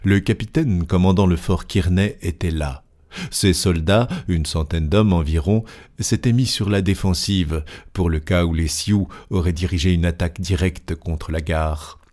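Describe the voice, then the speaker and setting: A male narrator with a very deep voice reads a classic novel at an unhurried pace. His delivery is steady and deliberate, in an audiobook style.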